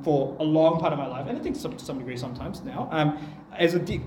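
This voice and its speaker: A man's voice: fairly high pitch, echoey room, slight background noise, low-quality recording. A young man preaching a sermon in a church, speaking in a conversational, personal way.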